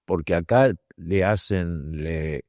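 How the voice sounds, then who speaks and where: An older man, a guest telling a long personal anecdote and acting out the quoted dialogue between pauses. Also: deep voice, darkish tone, no echo, clean studio sound. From Argentina. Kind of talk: reflective anecdote storytelling.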